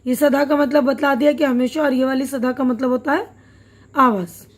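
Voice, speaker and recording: A woman teacher reads through a textbook lesson, patiently explaining each word with simple glosses and checking questions. Her voice sits high and her tone stays steady.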